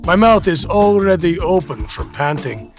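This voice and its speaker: A man reading a steamy romance novel aloud in a put-on Russian accent, slow, breathy and over the top. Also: high voice, very animated, soft background music. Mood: mock-sultry. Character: hammy male reader of a steamy romance novel.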